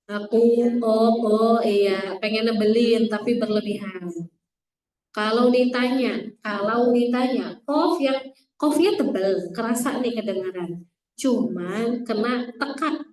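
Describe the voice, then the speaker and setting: A woman with a fairly high voice leads a tajwid lesson, repeating letter sounds for her students and quizzing them. She sounds distant from the mic, and the room gives her voice a strong echo. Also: darkish tone. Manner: repeats letter sounds to demonstrate, asks the class questions. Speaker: Quran recitation teacher. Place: classroom with some students online.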